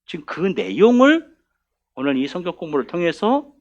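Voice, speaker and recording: Brief: male pastor, high and lively voice, chatty Bible study sermon that keeps asking the room questions. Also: moderate pace, lo-fi sound. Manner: conversational, asks the congregation questions. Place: church.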